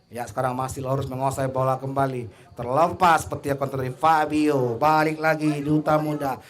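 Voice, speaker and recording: A man's voice: medium pitch, fairly even intonation, a little fast. A man with an Indonesian accent giving live play-by-play commentary as a football commentator.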